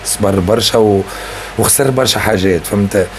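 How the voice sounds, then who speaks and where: A man's voice: on the low side, fairly quick, slight background noise. A young man with a Tunisian accent, a singer answering interview questions earnestly and often checking that he is understood. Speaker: singer and rapper.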